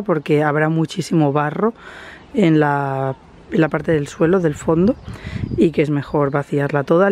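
A woman's voice: sits low, a little mellow. A woman vlogger chatting casually as she walks around her house and garden, explaining the plans. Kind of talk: casual home tour vlog. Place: outdoors in a garden and terrace.

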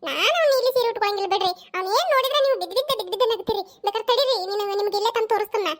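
Woman doing a cartoon daughter-in-law, young, cheeky, chatty, North Karnataka accent, very high voice. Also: rapid-fire. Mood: defiant. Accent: North Karnataka Kannada.

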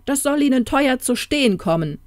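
A woman's voice: lowish voice, very animated, moderate pace, mellow, no room sound. A woman voicing a proud, stubborn old king who talks in a haughty, scolding way.

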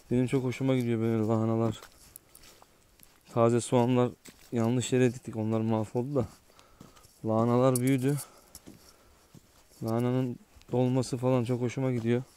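Calm low-voiced man outdoors in the country. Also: normal speed, long pauses, clean tone. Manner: calm and low when talking to camera, yelling at the dog. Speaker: dog owner vlogger. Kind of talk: casual outdoor vlog.

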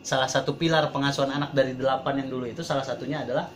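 A man's voice: medium pitch, steady tone, rapid-fire, a little hiss or hum. A man in his thirties, a parenting trainer, giving a casual talk to a live audience in a chatty way and acting out quoted parents. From Indonesia. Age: 30s. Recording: crowd heard around the speaker. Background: audience murmurs and laughs.

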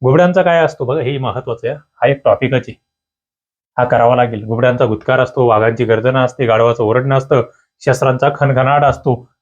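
A man teaching an exam-preparation lesson, talking in a lively, emphatic way and quizzing the listener with rhetorical questions. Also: medium pitch, a little fast. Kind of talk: online exam-prep lesson. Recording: dull lo-fi sound.

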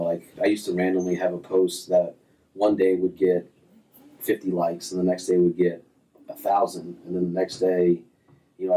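In a small office with framed diplomas, a golf instructor in his thirties chats casually as an interview guest. His voice is deep, and he rambles in a relaxed way, full of fillers and restarts. The recording is distant and poor quality.

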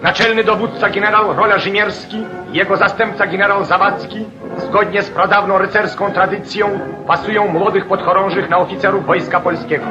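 A man delivers old newsreel narration in a rousing, commanding declamatory style. His voice sits high for a man. The 1940s soundtrack is dull and muffled, with clear music running beneath him. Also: level tone, brisk.

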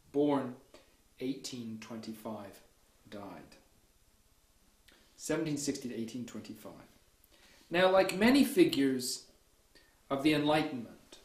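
Guy lecturing on history, slow careful delivery, echoey lecture room. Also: medium pitch. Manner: measured, deliberate delivery with frequent "okay" and "so". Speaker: university lecturer. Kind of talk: academic lecture.

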